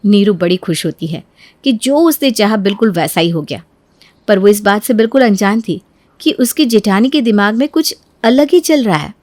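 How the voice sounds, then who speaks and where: A woman narrating a family drama storybook in a steady scripted manner. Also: mid-range voice, normal speed, no echo.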